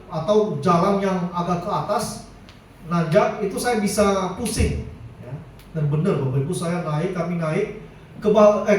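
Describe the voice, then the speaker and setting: A man's voice: sits high, a little hiss or hum. A middle-aged man preaching a sermon in a church, telling stories casually and dropping in a chatty "ya". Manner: casual storytelling with frequent "ya". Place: church hall. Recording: very echoey hall, mic far off.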